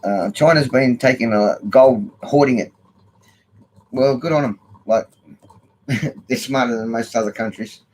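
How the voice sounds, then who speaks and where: A man's voice: medium pitch, measured pace, pauses often, darkish tone. An older Australian man with slurred speech from missing front teeth, rambling casually in a blunt, sweary, matey way. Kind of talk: casual rambling opinion vlog. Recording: noticeable background noise.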